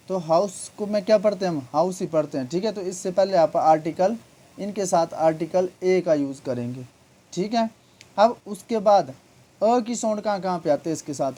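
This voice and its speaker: A man's voice: high voice, warm tone. A man teaching an English grammar lesson, explaining patiently and often checking in with his students. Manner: patient, repetitive, keeps asking "okay?".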